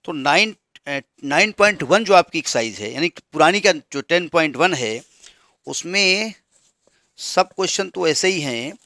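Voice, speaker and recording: A man teaches maths in a bright, fairly high voice. He counts steadily through question numbers and keeps checking that his students follow. The sound is close and dry, with no room echo. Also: lively intonation, normal speed. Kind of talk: classroom lesson explaining textbook changes.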